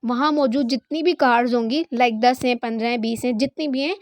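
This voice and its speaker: High-voiced woman teaching grammar. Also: a little fast, no echo, low-quality recording. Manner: explains in Hindi-Urdu mixed with English, says "theek hai" often. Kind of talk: online grammar lesson.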